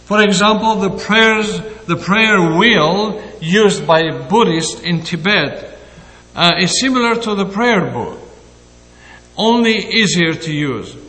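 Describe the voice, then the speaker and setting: An older man from Greece, with a Greek accent, preaches a sermon in a fairly high, bright, forceful voice. He speaks slowly and deliberately, pausing often and hesitating. A long, hall-like reverb surrounds the sound.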